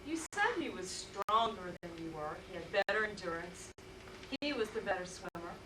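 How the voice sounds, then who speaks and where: A woman acting a calm, patient psychiatrist in a school stage play, gently coaxing with questions. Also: mid-range voice, moderate pace, reverberant, natural voice. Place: school stage, recorded from the hall. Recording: distant stage voice with clear hiss.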